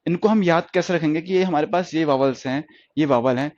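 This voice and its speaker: A man's voice: on the high side, a little fast, a little mellow. A man teaching stenography in a lecture, who stretches out long vowel sounds for his students and keeps checking that they follow. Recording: dry, dull lo-fi recording.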